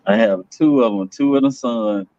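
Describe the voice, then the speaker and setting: A man chatting casually on a podcast panel, telling stories with animated delivery and acting out his own lines. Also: mid-range voice, normal speed, no echo, lo-fi sound. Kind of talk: casual chat.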